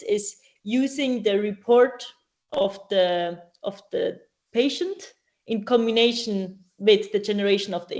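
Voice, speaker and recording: A woman answering questions at a student AI event, talking casually and often pausing with ums and restarting her sentences. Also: medium pitch, darkish tone. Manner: hesitant, many ums and restarts.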